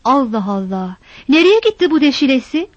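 A woman's voice: high voice, very animated, a little fast, dry recording, muffled recording. A woman voicing a frantic village mother who shrilly scolds and calls for her daughter.

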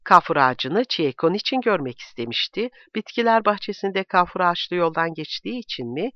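A man narrating a literary novel in a steady, measured reading voice. His voice sits a little high for a man. The recording is dry, close and somewhat muffled. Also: no echo. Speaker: audiobook reader. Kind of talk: scripted narration.

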